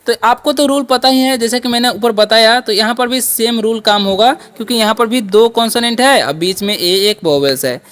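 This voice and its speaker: A woman's voice: a little high, fairly quick, hardly any pauses. A woman teaching beginner English phonics patiently, repeating each word and asking questions back.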